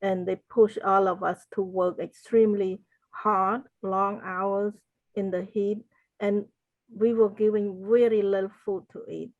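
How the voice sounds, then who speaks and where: Slow, earnest older woman from Cambodia. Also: medium pitch, flat delivery, no room sound, narrow, tinny audio. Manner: slow, earnest, faith-filled storytelling. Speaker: podcast guest, wellness consultant. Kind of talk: interview answers, personal testimony.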